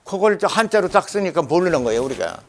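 Animated older man with a dialect twang. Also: sits high, fast, vocal fry. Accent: Jeolla dialect. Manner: forceful, scolding, rambling with dialect words. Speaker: lecturer. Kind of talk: animated lecture.

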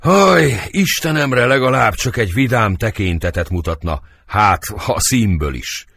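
Guy reading a play doing a raging noble guy, fiery and bitter, low husky voice, swings up and down a lot. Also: lively intonation, fairly bright tone, exaggerated voice. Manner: fiery outbursts, bitter growling. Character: hot-tempered cursing adult male nobleman. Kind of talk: audiobook drama reading.

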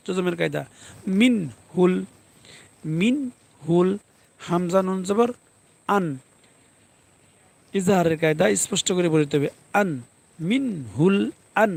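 A man teaching a live Quran reading lesson, spelling letters and vowel marks and then chanting each word in long drawn-out recitation. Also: high-pitched, gravelly, darkish tone.

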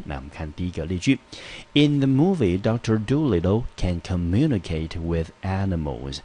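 A male English teacher, giving a vocabulary lesson, spelling out syllables and repeating each word slowly. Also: low voice, a little mellow, husky. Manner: peppers speech with "好" and "呢".

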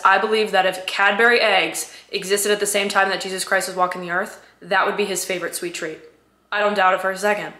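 A woman's voice: mid-range voice, sharp tone. A woman in her twenties chatting casually to camera in a slangy, dryly joking way, her voice cracking from a sore throat. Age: 20s. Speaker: vlogger. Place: living room at home. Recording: roomy indoor echo.

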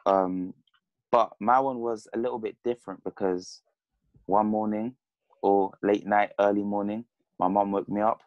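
Speaking through earphones on a video call from a plain room at home, a boxer in his twenties from Congo, Zambia and the UK, a French speaker, chats casually as an interview guest. His voice is lowish with little pitch movement and a moderate pace, and the dry recording has its highs cut off.

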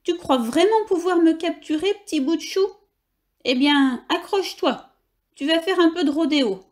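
A big, good-natured storybook bison with a gruff, teasing way of talking, as a woman reads him aloud. The voice sits fairly high. He sounds amused more than fierce. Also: normal speed.

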